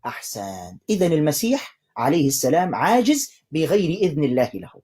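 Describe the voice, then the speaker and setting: Male preacher, husky and mellow, steady and persistent with a heated caller. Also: a little high. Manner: calm, insistent, keeps telling the caller to calm down; quotes scripture in a slow recitation. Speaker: Islamic preacher debating callers. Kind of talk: live online debate.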